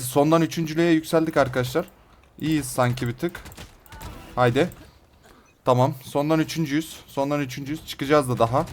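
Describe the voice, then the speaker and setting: Excitable man commenting on his gameplay. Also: medium pitch, slight background noise. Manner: excited, rough-edged banter, addressing viewers. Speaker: gaming channel host.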